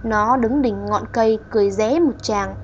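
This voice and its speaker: A woman narrating a folk horror story in a steady storytelling voice, in a dull lo-fi recording. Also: a little high, moderate pace. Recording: dull lo-fi audio with faint hiss.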